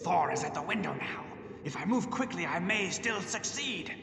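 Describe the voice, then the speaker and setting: Gloating cartoon villain god, theatrical, high and gravelly, loud score underneath. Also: male voice, animated, moderate pace, faint music behind, exaggerated voice. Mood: irritated, scheming. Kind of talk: animated superhero comic voice acting.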